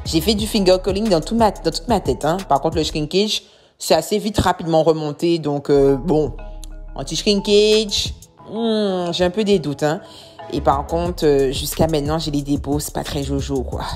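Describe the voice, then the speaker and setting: A woman's voice: sits low, moderate pace, darkish tone. A woman hair care vlogger giving a casual, chatty product review and talking straight to her viewers. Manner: chatty, addresses viewers as sweeties, exclaims. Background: background music.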